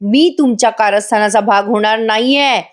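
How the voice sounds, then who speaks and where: A woman's voice: fairly high pitch, moderate pace, natural voice. A woman voicing a wronged, defiant wife who is held captive, from a TV serial recap. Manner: angry, defiant.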